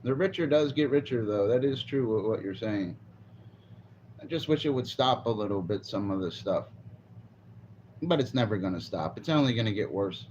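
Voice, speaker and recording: A man in his forties livestreams from a phone on a selfie stick, chatting casually, rambling, and swearing now and then. His fairly low voice has lively intonation, a moderate pace, and a slightly mellow quality. The audio is dull, with slight background noise.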